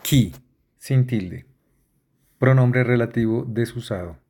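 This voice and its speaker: A man reading dictionary entries aloud in a measured way, spelling out how each word ends. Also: mid-range voice, a little mellow.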